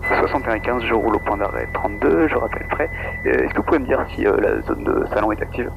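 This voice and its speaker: A man's voice: mid-range voice, fast talker, gravelly, lo-fi sound. A man flying a small plane, making procedural radio calls and talking through his steps over a pilot headset. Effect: heard over a pilot headset intercom. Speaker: private pilot flying solo. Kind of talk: aviation radio calls and cockpit self-talk. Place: small plane cockpit in flight. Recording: loud aircraft engine noise, cockpit radio.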